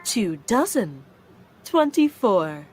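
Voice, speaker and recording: A woman calling bingo numbers with their rhyming calls, slow and measured. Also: medium pitch, big pitch swings. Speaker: bingo caller. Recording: loud music playing underneath.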